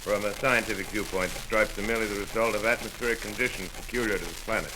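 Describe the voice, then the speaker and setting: Actor playing a calm, deep-voiced professor. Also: male voice, natural voice. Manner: measured, dry, dismissive. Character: calm skeptical middle-aged male astronomer. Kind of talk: 1930s radio drama acting. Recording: noisy old 1930s radio broadcast.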